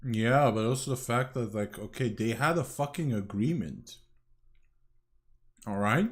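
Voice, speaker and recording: A man's voice: mid-range voice, unhurried. Man commenting while chewing food. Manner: talks while chewing, coughs and clears throat. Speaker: commentary host. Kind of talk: casual reaction commentary.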